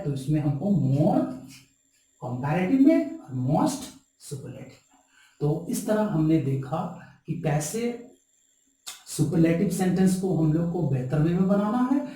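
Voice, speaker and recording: Guy teaching grammar, slow and lively, spells words out, really echoey room, far from the mic. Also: sits high. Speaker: English teacher. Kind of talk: classroom grammar lesson.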